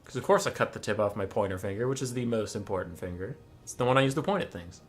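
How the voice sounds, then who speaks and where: A man with a fairly low voice talks fast while hosting a game tournament stream on a desk mic with his camera off. Before casting, he chats casually, rambling in a wry, self-mocking way and swearing offhand.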